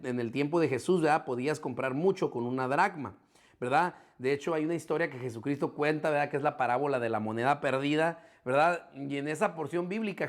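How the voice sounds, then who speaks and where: Pastor, slightly high voice. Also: male voice. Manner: explanatory, constantly checking in with listeners; repeats key points for emphasis. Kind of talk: sermon. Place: church streaming an online service.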